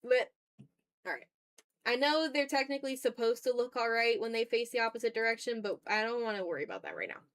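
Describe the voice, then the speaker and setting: Speaking quickly and with lots of animation, a woman with a slightly high voice streams herself drawing. She keeps up casual chatter with viewers and murmurs to herself about each step.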